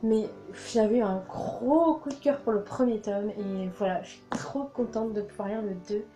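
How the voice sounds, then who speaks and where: A woman's voice: mid-range voice, moderate pace. Eager young woman chatting about books. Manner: enthusiastic, many fillers and repeated words. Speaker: book vlogger. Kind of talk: casual book haul chat. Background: soft background music.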